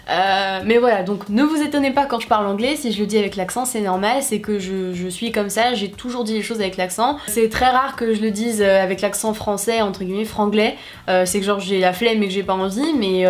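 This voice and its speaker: A young woman vlogger talking casually to her viewers, chatty, with many fillers and restarts. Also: a little high. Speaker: YouTuber. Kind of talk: casual talk to camera.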